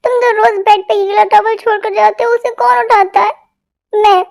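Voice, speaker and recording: A dramatic young wife, whiny and tearful, played by a woman in a homemade fan dub. Her voice is extremely high-pitched, and it breaks into sobs and accusations. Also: fairly even intonation, normal speed, gravelly, darkish tone. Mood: tearful accusing. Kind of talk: amateur Hindi fan dub.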